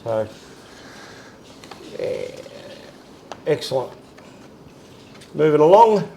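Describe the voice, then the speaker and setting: A man co-hosting a casual chat at home, relaxed and rambling with lots of fillers. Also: a little high, drawn-out words, gravelly, background noise. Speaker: co-host.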